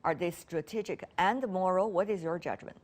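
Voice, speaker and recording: A woman with a somewhat low voice puts careful, considered questions to her guest. She pauses and hesitates as she frames each point. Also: darkish tone. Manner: thoughtful, hesitant with fillers. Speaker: interviewer. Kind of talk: interview questions.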